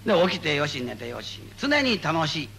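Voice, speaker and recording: A man giving spoken Buddhist guidance to a gathering, playful and animated, repeating phrases for emphasis. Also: a little high, moderate pace, creaky, a little hiss or hum. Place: meeting before a live audience.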